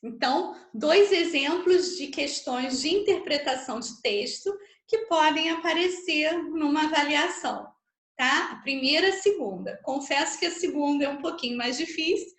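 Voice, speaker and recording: A woman's voice: high-pitched, a bit bright, roomy sound. A Brazilian woman teaching an online literature class, explaining patiently and checking in with tag questions as she counts syllables aloud. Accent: Brazilian Portuguese.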